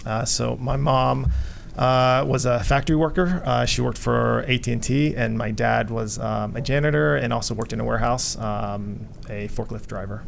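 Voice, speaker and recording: A man from Vietnam, a company co-founder, answering radio interview questions haltingly with many fillers. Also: medium pitch, steady tone, creaky, a little hiss or hum. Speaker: guest, hotel company co-founder.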